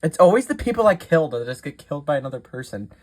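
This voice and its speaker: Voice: mid-range voice, sing-song, fast talker, darkish tone. A video creator casually reading out a game simulator's events, adding chatty, giggly asides and stumbling over words.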